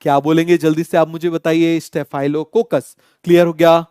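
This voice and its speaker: A man's voice: a little high, monotone, fast talker, a little mellow, smooth, dry recording, clean studio sound. A young man teaching a biology lecture, quizzing his students with repeated call-and-answer questions and mixing in English terms with an Indian accent. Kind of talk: online exam-coaching lecture.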